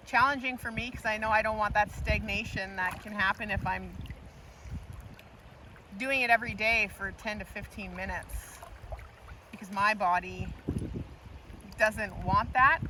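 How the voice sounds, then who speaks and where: A woman chatting casually as an interviewee while she sits in ice cold water outdoors in a river. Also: medium pitch. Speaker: cold dip participant being interviewed. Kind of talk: casual conversation. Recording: distant mic, loud rushing water noise.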